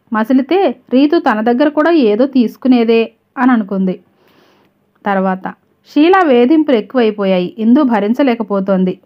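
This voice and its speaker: A woman storyteller reads a scripted story in a steady, even manner. Her voice sits fairly high. The recording is slightly dull and lo-fi.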